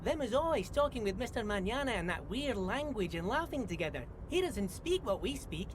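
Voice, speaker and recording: Un attore che dà voce a un anziano tuttofare del porto, gentile e semplice, che parla con entusiasmo e grammatica popolare. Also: male voice, high voice, sing-song, brisk, background noise. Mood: cheerful. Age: older. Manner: eager, rambling, folksy grammar. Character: kindly simple older male dock handyman. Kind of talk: video game voice acting.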